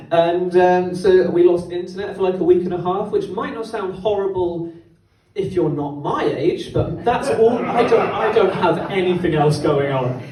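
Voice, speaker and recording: A man's voice: high voice, mellow. A young man doing a stand-up set in a comedy club, rambling and self-deprecating, with stumbles and restarts into a handheld microphone. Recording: roomy club sound from a distance.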